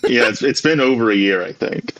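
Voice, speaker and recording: A man's voice: mid-range voice, fairly quick, fairly bright tone, no echo. A man co-hosting a casual livestream, distracted and fiddling with his setup, heard through a tinny built-in earbud microphone. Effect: tinny sound from a built-in earbud mic. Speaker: podcast co-host.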